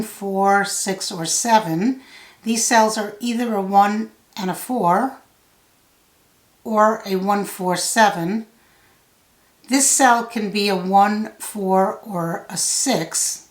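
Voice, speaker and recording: A woman tutor thinks out loud as she works through a solve-along lesson. Her delivery is slow and methodical, with a medium-pitched voice. The recording has a noticeably roomy echo. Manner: thinking out loud step by step, measured. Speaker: puzzle tutor. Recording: roomy, echoey sound.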